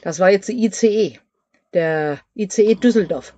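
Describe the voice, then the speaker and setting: A woman's voice: mid-range voice, normal speed, mellow, no echo. A middle-aged woman in casual bickering chat with her partner, answering with dry, sulky retorts. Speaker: vlog co-host, partner. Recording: dull muffled dry sound.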